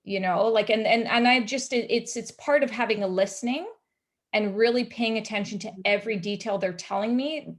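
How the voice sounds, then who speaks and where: A woman's voice: on the high side, a little fast. A woman physiotherapist in her thirties talking frankly on a video call panel, with plenty of "like" and "you know". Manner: frank, filler-heavy, many "like" and "you know". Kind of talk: casual panel chat.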